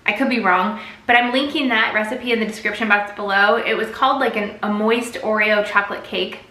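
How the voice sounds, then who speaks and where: A bright, chatty woman talking to her camera in a friendly, upbeat way. Her voice bounces around a hard-walled bathroom, so every word carries a strong echo. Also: medium pitch, steady tone, brisk. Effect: strong room echo. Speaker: family vlogger. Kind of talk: casual chat to camera. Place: bathroom at home. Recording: echoey bathroom recording.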